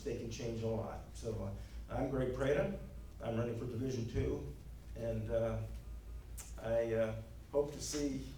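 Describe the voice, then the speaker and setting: An earnest man delivers his closing statement at a local candidate forum, filling pauses with plenty of "uh"s. His voice is soft and dark in tone. He is picked up from far off in a very echoey hall with a light hum behind him. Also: medium pitch. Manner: earnest, plain-spoken, frequent fillers. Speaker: candidate giving closing remarks. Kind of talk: campaign speech at a local forum. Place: meeting hall.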